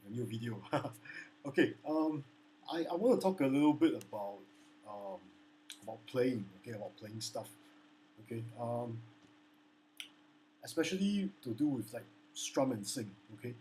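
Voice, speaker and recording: A low baritone ukulele instructor gives a casual spoken lesson with sung demos, speaking hesitantly, restarting often, and checking in with "okay?" He's apologetic and earnest, with a warm tone, lively intonation, and moderate pace, while a ukulele plays and the rough recording has a little hiss or hum.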